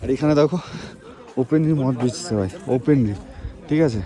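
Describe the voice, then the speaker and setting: A man with a Bengali accent vlogging from a snowy mountain pass. He talks slowly and is short of breath from the altitude, with a dry throat, breaking into excited exclamations. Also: medium pitch. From Bengal, India. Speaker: travel vlogger. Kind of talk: casual vlog walk-and-talk. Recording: wind noise on the mic outdoors.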